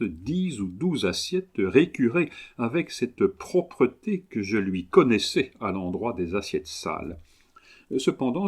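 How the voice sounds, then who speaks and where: A man narrating a memoir aloud in a measured, expressive reading. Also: fairly low pitch. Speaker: audiobook reader. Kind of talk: scripted narration.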